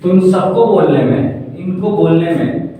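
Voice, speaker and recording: Man, teacher, grammar lesson, mellow, slightly high voice, far from mic, echoey hall. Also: a little slow, a little hiss or hum. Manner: repeats questions and answers them himself; writes on a board while explaining.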